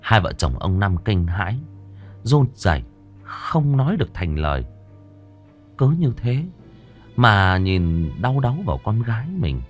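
Male ghost-story narrator, deep voice, very expressive. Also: a little slow, long pauses. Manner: lively, dramatic storytelling. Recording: dry close mic with soft music.

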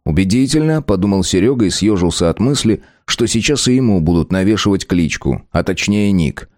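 A man narrating an audiobook with an expressive reading. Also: low voice, a little fast, dry recording, clean studio sound.

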